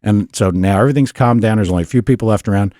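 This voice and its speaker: A man telling stories casually on a podcast, animated and acting out the voices of others. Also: fairly low pitch, very fast, no echo, studio quality. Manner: animated storyteller, acts out quotes in a raised voice. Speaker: podcast guest. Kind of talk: casual storytelling.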